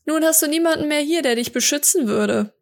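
A woman voicing a cruel old hunchbacked male sorcerer, lowering her voice to a slow, sneering drawl. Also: gravelly.

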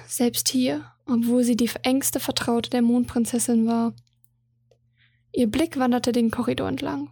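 A woman reads a romantic fantasy story aloud with a calm, even delivery. Her voice sits high and has a breathy, husky edge. The sound is dry and close to the mic. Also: no room sound. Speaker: narrator.

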